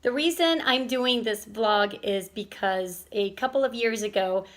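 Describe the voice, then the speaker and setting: A Venezuelan stay-at-home mom hosts a casual family vlog, rambling a little with restarts and fillers. Her mid-range voice is fairly bright in tone and unhurried.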